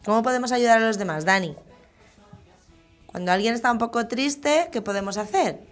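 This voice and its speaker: A woman's voice: on the high side, expressive, moderate pace. Woman, middle-aged, patient teacher, coaxing questions to young kids, faint music behind. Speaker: teacher hosting a children's school radio show. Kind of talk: gentle questioning talk with small children.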